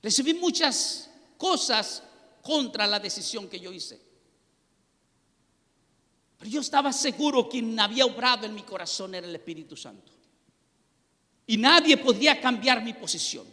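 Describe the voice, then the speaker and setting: A man preaching a sermon and telling his own testimony, impassioned and rising to near-shouts at the peaks. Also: extremely high pitch, expressive, moderate pace, pauses often. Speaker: pastor. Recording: long reverb of a hall.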